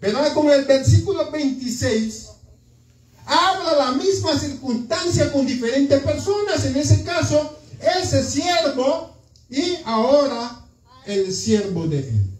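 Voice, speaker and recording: A man's voice: extremely high pitch, animated, takes it slowly. A man preaching a sermon in a church, in a conversational manner that keeps checking in with the congregation. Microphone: church sound system, far from the mic. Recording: echoey church from far off.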